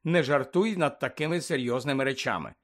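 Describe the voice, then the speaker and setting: A man's voice: medium pitch, quick pace, natural voice. A man reading aloud voicing a clever, bossy teenage schoolgirl who lectures her friends. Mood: earnest. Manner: earnest, lecturing. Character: fussy clever teenage girl student, bossy.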